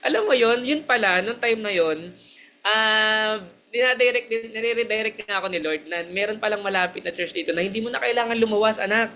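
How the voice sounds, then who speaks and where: A man's voice: high-pitched, brisk, pushed and bright. A young man from the Philippines giving a personal church testimony in an earnest, chatty way, switching between Tagalog and English and laughing often. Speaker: church member sharing testimony.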